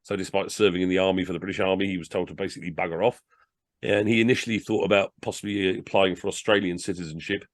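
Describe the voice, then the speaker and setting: A low-voiced man telling comic tales and chatting about books. He reads with animated jumps into voices and chuckles. The sound is dry and close. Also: quick pace, no room sound. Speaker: storyteller. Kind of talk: story reading and casual commentary.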